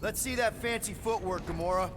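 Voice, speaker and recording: An actor playing a young, wisecracking leader of space outlaws in a video game, talking casually and glibly. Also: male voice, sits high, brisk, background noise, natural voice. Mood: upbeat. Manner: casual, glib, joking.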